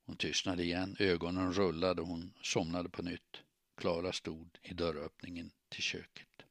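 A man reading a novel aloud as narrator, in measured, even storytelling. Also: low-pitched, no room sound, studio quality. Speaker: audiobook narrator. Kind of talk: scripted narration.

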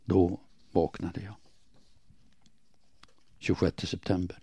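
A man reading a first-person diary aloud in a quiet, measured, somber way. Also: low-pitched, level tone, breathy edge, no room sound. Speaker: audiobook narrator.

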